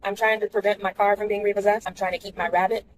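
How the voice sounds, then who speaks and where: A woman's voice: mid-range voice, fast, poor audio. A woman talking candidly to viewers in a casual vlog while driving in the rain. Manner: chatty, candid, animated asides to viewers. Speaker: vlogger.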